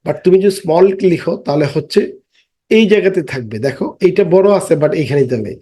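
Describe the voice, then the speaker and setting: A man teaching children an English lesson. He chants rhymes and sounds slowly, stretches each word and explains patiently. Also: a little high, lively intonation, dark tone, breathy edge. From Bangladesh. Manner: explains patiently, mixing English into his speech.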